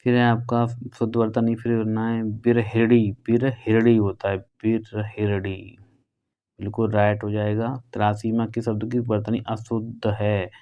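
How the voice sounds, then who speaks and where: Brisk teacher with a smooth, low voice. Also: male voice, monotone, lo-fi sound. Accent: Hindi, northern India. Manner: brisk and conversational, drawing out key words. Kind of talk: exam prep lesson going through questions.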